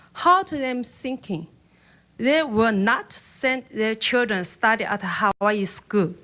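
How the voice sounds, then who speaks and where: Woman, Chinese accent, mid-pitched voice, earnest and halting public testimony at a podium mic. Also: fairly bright tone. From China. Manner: earnest, pleading, halting non-native phrasing. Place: state capitol hearing room.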